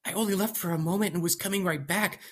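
A panicky young lab worker with a raised, strained voice that stammers and curses under pressure, as a man puts him on. He talks loud and fast in his alarm, the whole scene read as an audiobook. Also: high-pitched, steady tone, pitched above the performer's own voice. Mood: panicked.

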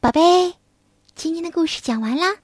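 Woman storyteller, high voice, unhurried, gentle, dry close sound. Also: no echo. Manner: gentle and expressive. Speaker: children's storyteller. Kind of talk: bedtime story narration.

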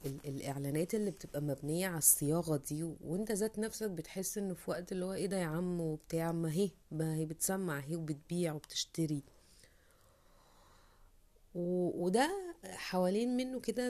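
A woman's voice: on the low side, fast talker, mellow. A woman with an Egyptian Arabic accent, hosting a podcast in a casual, reflective monologue, thinking aloud and acting out inner voices. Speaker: podcast host.

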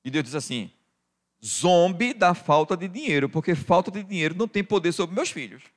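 Brazilian pastor man preaching, fairly high voice. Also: animated, normal speed. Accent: Brazilian Portuguese. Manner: addresses the congregation as "querido" constantly, swings from quiet to loud. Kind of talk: sermon.

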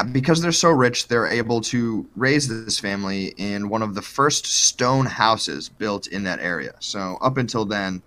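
A man's voice: on the low side, bright, forceful tone. A man co-hosting a podcast, telling a true-crime story in a joking, profane, casual way. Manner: joking, profane, lots of fillers.

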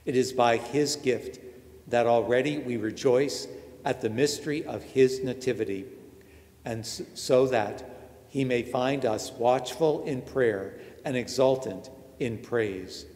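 A man, a priest, reciting the prayers of Mass in a measured, solemn way, his voice ringing with a cathedral echo. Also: medium pitch, a little mellow. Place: large church. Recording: long cathedral reverb.

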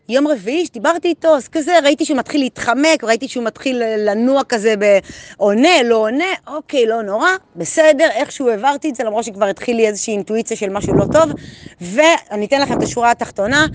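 Frank, higher-voiced woman telling a story. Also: dry recording. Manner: frank, conversational, heavy filler words. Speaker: vlogger sharing a daily lesson. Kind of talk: candid personal storytelling to camera.

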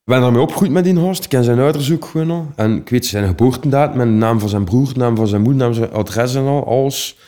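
A man's voice: medium pitch, fast talker, few pauses, dark tone. A young Flemish man telling his own stories casually, rambling in a streetwise way with many fillers. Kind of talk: casual personal storytelling.

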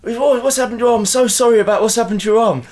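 A man voices a rowdy stranger calling across a cafe, pitched up high and raised in volume. He is over-familiar and pushy, leaning on every question. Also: very fast, darkish tone.

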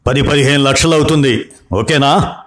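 A man's voice: medium pitch, moderate pace, pitched above the performer's own voice, lightly acted. A man voicing a stern middle-aged doctor who scolds the parents.

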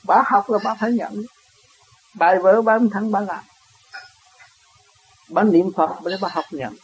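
A man's voice: high voice, unhurried, slight background noise, rough recording. A man with a Southern Vietnamese accent giving a dharma talk as a spiritual teacher. He answers a question, chuckles often and keeps asking his listeners rhetorical questions.

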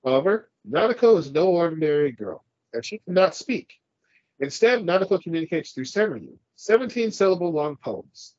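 A California podcast co-host sounds congested as he rambles through casual talk, peppering it with swearing and frequent laughs. His slightly high voice swings widely in pitch at a moderate pace, darkish in dull audio with no echo.

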